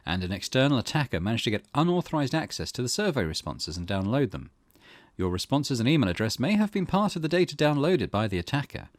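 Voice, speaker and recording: In a dry recording, a man with a medium-pitched voice hosts a let's play. He reads the game's text aloud and muses on it thoughtfully.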